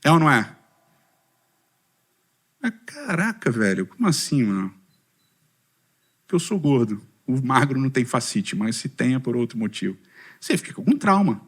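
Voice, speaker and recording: A man's voice: medium pitch, normal speed, pauses often, husky. A middle-aged Brazilian man giving a humorous personal testimony to a church community, asking the audience questions and poking fun at himself. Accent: Brazilian Portuguese. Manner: lively storytelling with self-deprecating humor, asks audience questions. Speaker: speaker at a church community talk.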